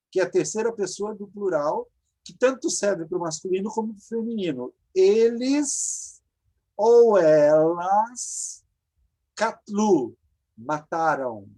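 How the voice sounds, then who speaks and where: Slow, husky-voiced Brazilian woman teaching. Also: medium pitch, darkish tone. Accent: Brazilian Portuguese. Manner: explains slowly, repeats forms, checks in with students. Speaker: seminary Hebrew teacher. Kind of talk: online grammar lecture. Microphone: video call.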